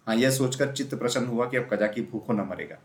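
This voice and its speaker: A man's voice: medium pitch, fast talker, slight background noise. Man reading a story aloud, roomy echo. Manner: steady storytelling. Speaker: narrator.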